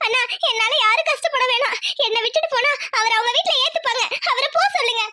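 A woman's voice: very high voice, fast talker, bright, forceful tone, dry recording. A woman voicing a heartbroken young village woman in a cartoon, speaking in a tearful, despairing way. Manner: sobbing, despairing. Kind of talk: cartoon voice acting.

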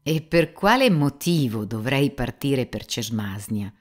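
A woman reading an audiobook voices a proud, irritable young gentleman who speaks in curt, sharp outbursts. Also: rumbling low, moderate pace. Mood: irritated.

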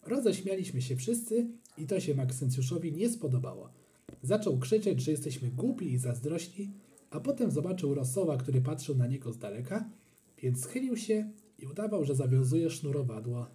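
A man narrating a children's storybook in an expressive, animated manner. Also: on the high side, moderate pace. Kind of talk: storybook reading.

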